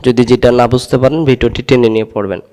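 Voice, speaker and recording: A man teaching Quran letter pronunciation, drilling each syllable slowly and asking and answering his own questions. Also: mid-range voice, fairly even intonation, mellow, in a large hall. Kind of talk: slow drilled recitation lesson.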